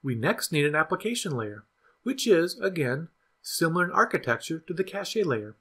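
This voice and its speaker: This is a scripted software tutorial voice-over by a male demo narrator. He keeps things measured and instructional, his husky, slightly raised voice moving with lively pitch so the steps stay clear.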